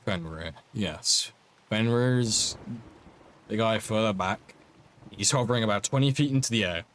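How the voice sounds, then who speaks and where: Sex: man. Role: relaxed dungeon master, slow-paced. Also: on the low side, slight background noise. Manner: relaxed, casual narration with asides. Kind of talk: narrating a tabletop game.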